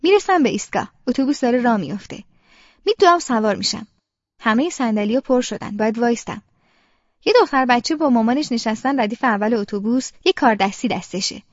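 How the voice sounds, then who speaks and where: A woman's voice: fairly high pitch, lively intonation, no room sound, dull audio. A woman narrating a first-person audiobook in an inward, present-tense monologue.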